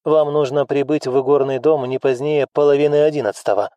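A man's voice: mid-range voice, fairly even intonation, a little fast, mellow, dry recording, pitched above the performer's own voice, natural voice. A man voicing a tense male steward who reports in a strained, formal way.

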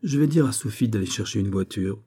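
A man's voice: lowish voice, expressive, fairly quick, dark tone, slightly rough. Man doing an impatient brusque husband. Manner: brusque, shrugging, mildly exasperated. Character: impatient, dismissive husband eager for the theatre.

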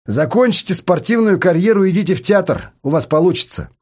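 A man voicing a brash, confident male psychologist who talks in a commanding, provocative way, with a husky voice. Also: high-pitched, lively intonation, brisk, darkish tone. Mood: accusing.

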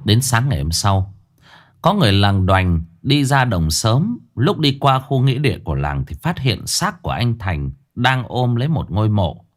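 A man's voice: lowish voice, sing-song, normal speed. A man narrating a ghost story in a theatrical, swinging way. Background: faint music.

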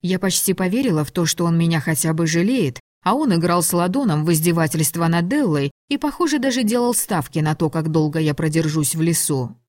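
A woman narrating a first-person audiobook in an expressive, wry way. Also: lowish voice, fairly quick, few pauses, no room sound, clean studio sound.

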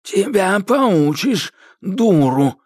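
A man voicing a smug, immortal old sorcerer with a creaky voice in an audiobook. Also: high voice, very animated, extremely slow, no room sound, studio quality, voice pushed up, heavily acted. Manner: scornful, superior, drawling. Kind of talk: audiobook character voice.

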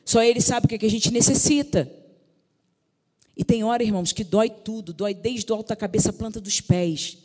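A woman's voice: on the high side, fairly quick, mellow. A woman pastor preaching a sermon, fervent, calling out to the congregation. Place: large church sanctuary. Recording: reverberant church hall.

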